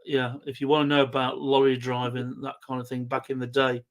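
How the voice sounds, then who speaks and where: A man's voice: medium pitch, monotone, fairly quick, a crowd in the background. A man with a South Derbyshire, East Midlands accent, chatting casually in an informal, matey way. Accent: South Derbyshire, East Midlands English. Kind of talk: casual chat.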